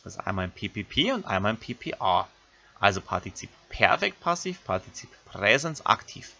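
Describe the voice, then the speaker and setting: A man's voice: lowish voice, sing-song, moderate pace, gravelly, pushed and bright, muffled recording. A man, a teacher giving a recorded grammar lesson, who explains step by step and speaks directly to his pupils. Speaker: Latin teacher.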